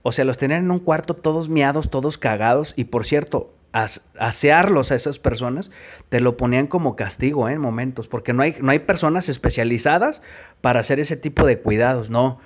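A man's voice: mid-range voice, brisk. Profane Mexican man telling his story. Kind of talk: personal testimony.

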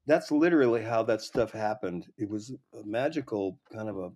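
Husky man telling rambling stories. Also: on the low side, expressive, normal speed, a little mellow. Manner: rambling, swears often, many restarts. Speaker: interview guest, comedy writer. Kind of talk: casual anecdote telling.

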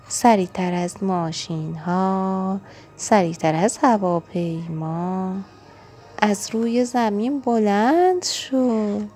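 A woman reading a children's storybook aloud, expressive and engaging, speaking to the young listener. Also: medium pitch. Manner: warm, expressive and engaging, asks the listener questions.

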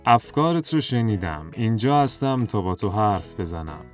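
A woman voicing a wise old male kangaroo wizard in a children's audio story, speaking slowly in a lowered voice. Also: sing-song, a little mellow, soft background music. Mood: gentle, solemn. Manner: slow, deep put-on voice.

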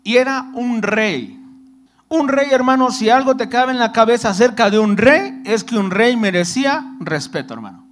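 A male preacher with a notably high voice speaks directly to his listeners and keeps calling them brother. He reads scripture aloud, then retells it in plain words and follows it with rhetorical questions. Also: animated, normal speed, fairly bright tone, slight background noise. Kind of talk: sermon.

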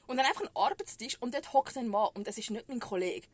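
A woman with a Swiss German accent, co-hosting a podcast and telling a story in casual chat, animated and often laughing. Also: on the high side, fast talker, breathy edge, no room sound. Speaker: podcast co-host.

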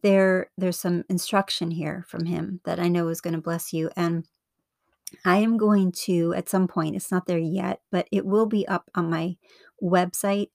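A woman's voice: lowish voice, steady tone, measured pace, gravelly, a little mellow, dry recording. Close, intimate woman podcaster, dry sound. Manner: earnest, encouraging. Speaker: podcast host. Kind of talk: devotional podcast talk and reading.

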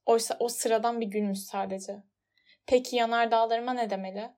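A woman voicing a gentle, polite little prince, earnest and wondering, pitched above her narrating voice. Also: steady tone, brisk, lightly acted. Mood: sad.

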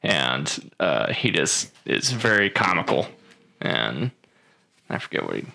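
A man's voice: low voice, sing-song, takes it slowly, creaky, pushed and bright. A young man co-hosting a podcast, telling stories in a laid-back casual chat and laughing often. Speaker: podcast co-host.

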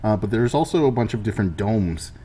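A man's voice: lowish voice, animated, fairly quick, mellow, husky. A man co-hosting a review show, chatting casually and chiming in with short agreeing remarks. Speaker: podcast co-host reviewing a TV episode.

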